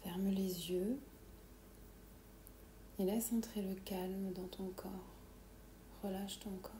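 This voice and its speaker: Slow, whispering woman guiding a meditation, intimately close. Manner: slow, calming, soothing instructions. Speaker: guided meditation narrator. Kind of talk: guided meditation, soft whispered ASMR-like delivery. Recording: roomy echo, low background rumble noise.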